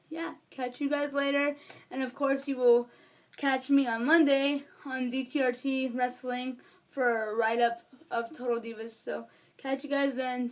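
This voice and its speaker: High-voiced woman rambling through a review. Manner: rambling, apologizes for being all over the place; chatty with many fillers. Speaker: wrestling show reviewer. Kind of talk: casual vlog review.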